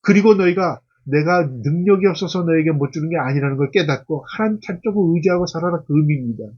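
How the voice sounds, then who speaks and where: A man's voice: fairly high pitch, fast, breathy edge, highs cut off. A middle-aged man, a pastor, preaching an earnest expository sermon, reading scripture aloud and then explaining it. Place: church.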